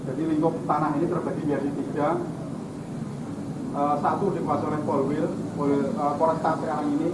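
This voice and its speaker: A man's voice: on the high side, flat delivery, brisk. A man giving an informal welcome and explanation of a site as an official, searching for words as he goes. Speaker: police official welcoming visitors. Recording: noisy, echoey, distant microphone.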